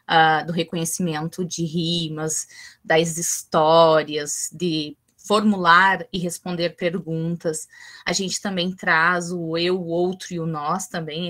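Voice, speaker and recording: A woman's voice: lowish voice, fairly bright tone. A woman, an early childhood educator giving a chatty teacher-training lesson. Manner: chatty, asks the group for go-ahead.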